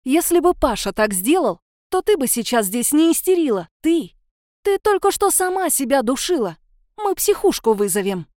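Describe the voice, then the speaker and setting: A woman reading an audiobook voicing a middle-aged mother who shouts urgently and takes command. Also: animated, normal speed, no room sound, studio quality, lightly acted. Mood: furious. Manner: loud, high-pitched, urgent.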